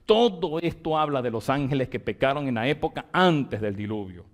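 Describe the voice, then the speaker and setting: A man's voice: mid-range voice, animated, moderate pace. A man, a Venezuelan pastor with a Venezuelan Spanish accent, teaching a Bible study in a church, repeating and dictating terms emphatically to his congregation.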